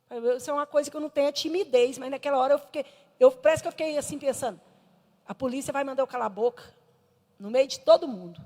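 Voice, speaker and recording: Brazilian woman missionary, high voice, fervent sermon, church hall echo. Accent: Brazilian Portuguese. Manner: fervent, emphatic storytelling that swings between hushed and loud. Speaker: missionary preacher. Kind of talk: Sunday school sermon with personal testimony.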